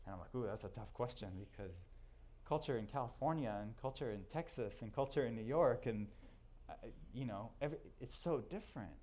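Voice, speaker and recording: A man's voice: medium pitch, lively intonation, a little mellow. Man from Israel giving a casual talk. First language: Hebrew. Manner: conversational, self-deprecating, halting restarts. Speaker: speaker. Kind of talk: talk to a live audience.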